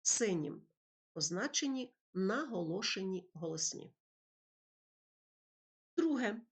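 A woman teacher narrating a lesson over slides, speaking slowly and clearly as she explains poetry and meter. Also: mid-range voice. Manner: slow, clear, explanatory delivery with recited verse.

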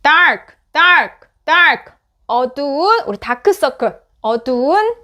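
Woman phonics teacher drilling words slowly, each said three times; very high, bright voice. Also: big pitch swings. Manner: repeats each English word three times, then gives its meaning. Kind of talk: slow repeated word drills with explanations.

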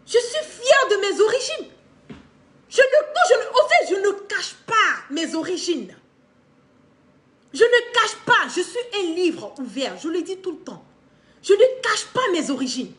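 An Ivorian woman with a very high-pitched voice delivers an impassioned, unscripted monologue to camera as a political commentator on a live stream from an indoor living room. She's emphatic and animated with hand gestures, repeating phrases for stress.

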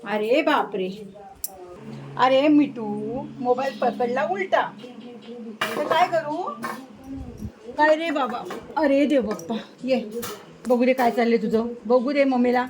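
A woman with a high voice films a casual home vlog on a handheld phone in her kitchen, cooing to her pets in affectionate baby talk. She speaks slowly with frequent pauses, and crowd noise can be heard.

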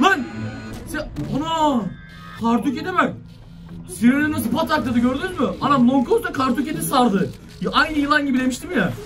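Excitable high-voiced man reacting. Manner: excitable, exclaiming, slangy. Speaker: video reaction host. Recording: distant mic with faint music.

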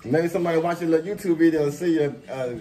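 A man's voice: on the high side, rapid-fire, mellow, soft background music. A man joining casual family chat, joking and ribbing the others. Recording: chatter of other voices around.

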